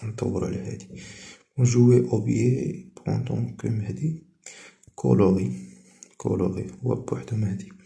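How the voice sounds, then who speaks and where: A man with a Moroccan Arabic accent, a teacher going through primary-school French exercises and reading the French sentences out slowly. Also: medium pitch, steady tone, creaky, mellow. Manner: switches between Moroccan Arabic and slow, careful French dictation.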